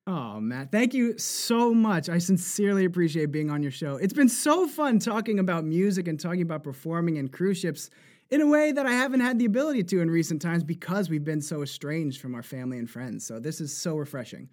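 A man guest, a performer, talking earnestly and slowing down as he reflects on what matters to him. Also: on the high side, lively intonation, a little mellow. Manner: earnest, slows down when reflecting. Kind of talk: reflective interview talk.

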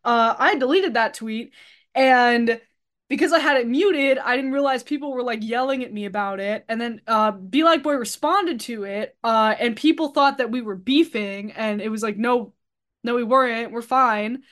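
A woman's voice: on the high side, normal speed, fairly bright tone. A woman speaking as a podcast guest, rambling in a blunt, self-deprecating way with lots of fillers. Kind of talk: casual podcast chat.

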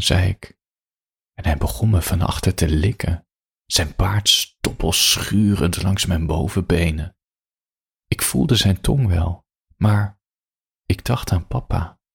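A man reading an erotic story aloud in slow, quiet first-person narration, with a husky voice. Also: deep voice. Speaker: reader.

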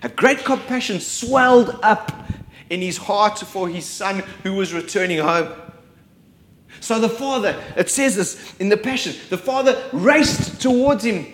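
A man preaching a sermon, his delivery rising and falling with dramatic pauses. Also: sits high, lively intonation, fairly bright tone, roomy sound. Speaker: pastor.

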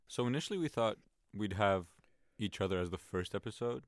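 A man's voice: on the low side, animated, a little fast, no echo, clean studio sound. A young man from Bosnia, co-hosting a casual student podcast in a joking, laid-back way. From Sarajevo, Bosnia and Herzegovina. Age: young adult. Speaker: podcast co-host.

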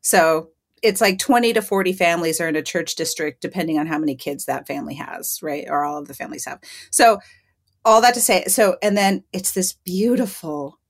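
A young woman with a slightly low voice tells stories in casual chat, lively and quick to laugh as she goes. She sounds relaxed and engaged, the way a podcast guest does. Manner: lively, laughs often while telling anecdotes.

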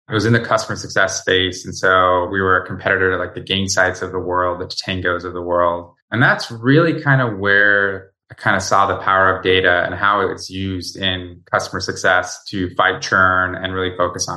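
Podcast guest, man from Bosnia; very low pitch with a forceful, bright edge; chatty, conversational delivery. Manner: conversational, often tags sentences with "right?". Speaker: podcast guest, startup founder. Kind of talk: casual interview talk.

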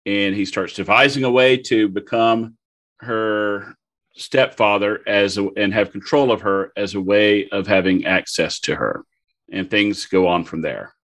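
A man's voice: lowish voice, a little slow, a bit bright. A man co-hosting a podcast, explaining a novel in a conversational way. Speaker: podcast co-host. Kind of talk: casual literary discussion.

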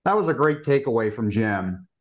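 Male podcast guest, financial advisor, average pitch, polished and measured delivery. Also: lively intonation, dull audio.

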